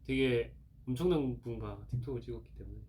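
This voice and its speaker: A man's voice: mid-range voice, a little fast, mellow, breathy edge. A man in his twenties co-hosting a livestream, talking in an easygoing, conversational way. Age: 20s. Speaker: livestream co-host. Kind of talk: casual chat.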